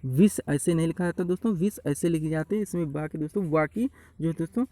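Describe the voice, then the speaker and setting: A man's voice: on the high side, fairly quick, warm tone, no room sound, poor audio. A man teaching Hindi spelling for exam prep. He goes through word after word and calls his viewers "friends" again and again. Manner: repeats corrections, addresses viewers as friends. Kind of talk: online exam-prep lecture.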